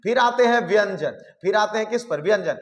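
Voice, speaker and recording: A man's voice: high-pitched, animated, brisk. A man teaching Hindi grammar in a classroom lesson, asking questions and answering them himself and calling the viewer "babu". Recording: long hall reverb.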